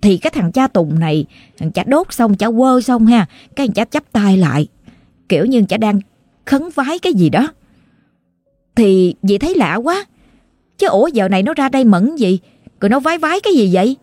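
Southern vietnamese lady telling a ghost story, chatty and colloquial, mellow dark voice, dry close sound. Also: fairly high pitch, sing-song, normal speed, no room sound.

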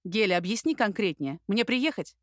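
Brief: woman reads steady, teasing male friend, dry close reading. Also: medium pitch, normal speed, no room sound, natural voice. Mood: calm. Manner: steady, reassuring, wry.

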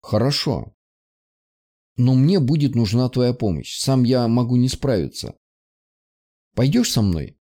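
A man reading an audiobook, voicing a gentle, soothing grown man comforting a friend. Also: mid-range voice, animated, a little slow, pauses often.

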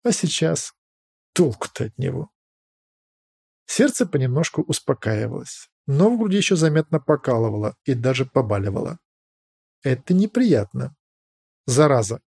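A man reading fiction as an audiobook narrator, in a dramatic, expressive storytelling manner. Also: medium pitch, moderate pace, gravelly, long pauses, slightly rough, no room sound.

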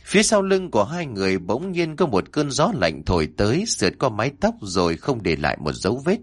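A man's voice: medium pitch, very animated, brisk. A man narrating a scripted horror story, acting out the characters' dialogue in shifting voices.

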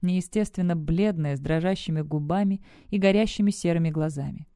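A woman narrates an audiobook in a steady, measured manner. Her voice is warm and smooth. The close studio recording is dry. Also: lowish voice, dry recording.

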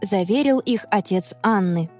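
A woman narrating a children's audiobook in a clear, expressive reading style. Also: medium pitch, a little slow, faint music behind. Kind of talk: scripted storybook narration.

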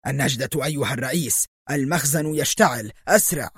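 A panicked henchman, as a male narrator puts him on, blurting his warning fast and urgently. The voice runs quick and rises, dry and close. It is a storybook reading. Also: medium pitch, fairly bright tone, slightly rough, no echo. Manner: rushed and urgent.

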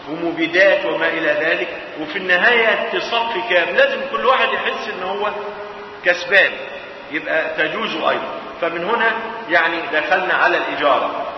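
A middle-aged man with an Egyptian accent teaching Islamic jurisprudence in a casual lecture, asking questions and answering them himself. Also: a little high. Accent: Egyptian Arabic. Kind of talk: colloquial classroom lecture. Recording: echoey hall, far mic, dull, hiss.

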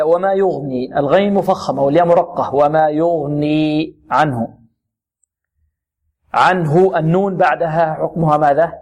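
A middle-aged man teaching Quran recitation rules. He recites words slowly and drawn out, then explains and corrects quickly, asking questions and answering them himself. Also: a little high, a little mellow. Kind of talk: tajweed lesson with recited examples.

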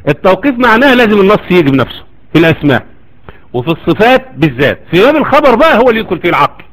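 A man's voice: high-pitched, sing-song, racing, fairly bright tone, poor audio. A man with an Egyptian Arabic accent giving a religious lecture, arguing his point and firing rhetorical questions at his listeners. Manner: argumentative, full of rhetorical questions to the audience. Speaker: Islamic lecturer.

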